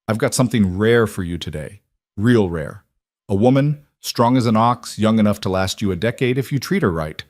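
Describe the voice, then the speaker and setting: A man voicing a wiry, greasy male slave trader in a Western story, with a sharp salesman's patter. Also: lowish voice, animated, normal speed, no room sound, clean studio sound, close to an everyday voice. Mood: crowing sales pitch. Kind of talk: storybook narration.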